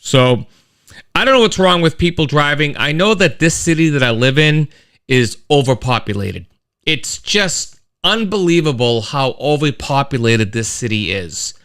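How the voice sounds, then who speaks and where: A man's voice: a little high, moderate pace, clear, resonant tone. A middle-aged man, hosting a casual live-stream monologue, rambling with restarts. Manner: animated storyteller, rambling with restarts and sound effects. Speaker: host of a weekly live-stream show.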